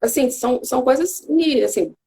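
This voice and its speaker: A Brazilian woman, a guest mother on a casual live video call, tells her story earnestly and from the heart. Her voice sits high and has vocal fry and a dark tone, moving quickly, with slight background noise.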